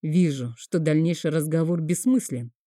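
A woman voicing a calm, scornful older high priest in an audiobook. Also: normal speed, dry recording, studio quality. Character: high priest, older man, cold and sarcastic.

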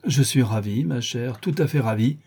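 Un homme jouant un lord cynique et ironique. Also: male voice, mid-range voice, normal speed, dark tone, slightly rough. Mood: ironic. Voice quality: languid, drawling aphorisms. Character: witty cynical aristocratic gentleman, languid and ironic.

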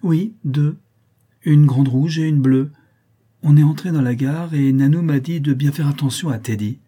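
Guy doing a small little girl voice, unsure and innocent, mellow and raised up high. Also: moderate pace, slightly rough. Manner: small, unsure, matter-of-fact answers. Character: shy little girl of about five.

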